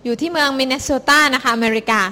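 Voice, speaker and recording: A woman interprets a preacher's sermon for the congregation in a high, bright voice. She speaks rapidly and expressively, often addressing the listeners directly. The hall gives her voice a long reverberation.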